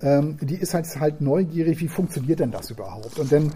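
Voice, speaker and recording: A man's voice: on the high side, animated, fairly quick, dark tone, slight background noise. A man presenting a book on a podcast in casual chat, hesitant and full of fillers, and enthusiastic about it. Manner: hesitant, with many fillers and restarts.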